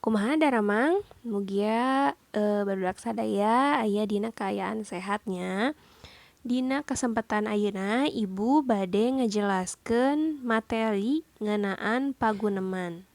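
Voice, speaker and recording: Slow, deliberate woman teacher. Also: on the high side, darkish tone, dry recording. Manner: explains each point then repeats it in a second language. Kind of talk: classroom lesson explanation.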